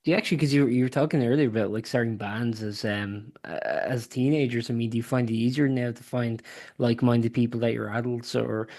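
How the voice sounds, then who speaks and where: A man's voice: medium pitch, steady tone, a little fast, dark tone. A man asking questions as an interviewer in a casual, thoughtful and hesitant way.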